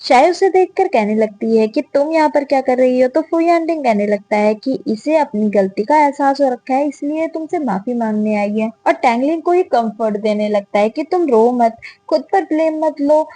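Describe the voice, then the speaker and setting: A woman's voice: high voice, animated, moderate pace, mellow. A woman narrating a drama recap in a casual storytelling way, slipping into the characters' quoted lines as she goes.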